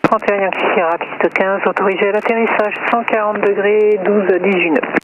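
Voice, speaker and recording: Fast high-pitched male controller over pilot headset radio. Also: steady tone. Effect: heard over a pilot headset radio. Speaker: airport tower controller. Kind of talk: brisk air traffic control phraseology. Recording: dull radio transmission, loud cockpit noise.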